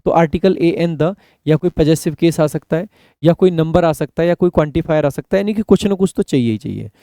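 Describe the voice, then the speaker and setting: A man's voice: on the high side, brisk, dark tone, no echo. A young adult man teaching English grammar for exam preparation, mixing explanations with English examples and calling the viewers brother. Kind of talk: exam-prep classroom lesson. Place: indoor recording studio with air conditioning.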